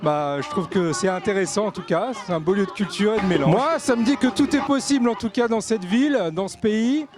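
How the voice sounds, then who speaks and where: A man with a fairly high voice talks casually while visiting an outdoor festival. Music plays clearly behind him. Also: a little fast, few pauses. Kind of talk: street interview.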